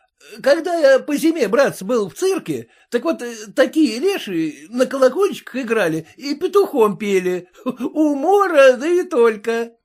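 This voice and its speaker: A man reading aloud, voicing a jeering street peddler who mocks loudly with a laugh in his voice. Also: mid-range voice, sing-song, fairly quick, voice pushed down. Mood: mocking. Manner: loud, mocking, laughing.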